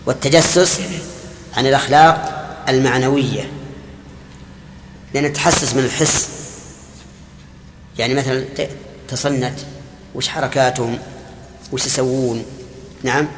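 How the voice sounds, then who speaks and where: Older sheikh teaching in an echoey hall. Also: male voice, medium pitch, steady tone, moderate pace, long pauses. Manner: explains term by term, quizzes students, Gulf colloquial asides. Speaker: sheikh teaching hadith commentary. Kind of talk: classical lesson explaining a hadith. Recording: echoey hall, faint room hiss.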